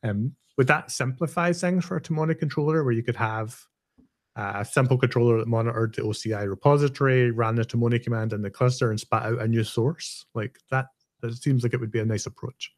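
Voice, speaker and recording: Man, Scottish accent, interview host, chatty, thinks out loud, mid pitch. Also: brisk. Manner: chatty, thinks aloud with tags like "right?". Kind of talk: technical interview on a live stream.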